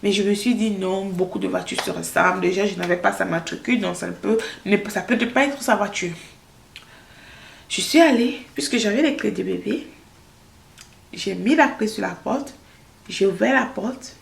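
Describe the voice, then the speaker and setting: A woman vlogger telling a personal story in a casual, animated way, acting out the dialogue as she goes. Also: normal speed, vocal fry, echoey room. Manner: animated, quotes dialogue with rising pitch.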